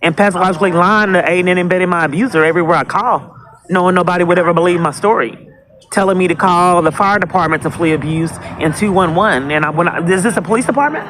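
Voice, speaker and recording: This caller to police dispatch, a woman, talks fast in a voice on the low side that's a bit bright, and the audio is poor. Pleading for help over the phone, she's insistent, repetitive, and prone to talking over the other person.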